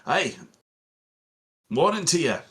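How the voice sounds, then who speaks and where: Man voicing a burly dwarf smith, friendly and folksy, raised voice a step higher than his own, bright and forceful tone. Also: big pitch swings, slow, full character voice. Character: burly red-bearded male dwarf blacksmith, friendly.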